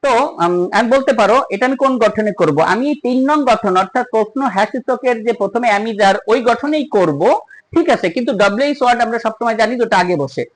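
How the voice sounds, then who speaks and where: A teacher giving a spoken grammar lesson. The teacher explains step by step, asks the listener questions, and slows down on the example sentences. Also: medium pitch, rough recording. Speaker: English teacher.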